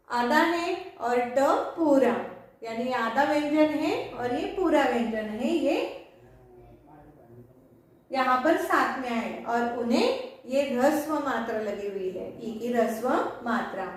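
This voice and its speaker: A woman's voice: high-pitched, recorded from a distance. A woman teacher giving an online Hindi spelling lesson, patiently spelling out sounds syllable by syllable. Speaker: school teacher. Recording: very echoey room, voice off-mic.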